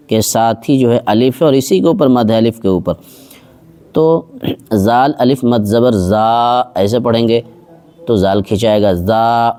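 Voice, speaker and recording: A man teaching Quran recitation step by step. He patiently explains each letter and mark, then recites the verse slowly and drawn out. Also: mid-range voice, dark tone.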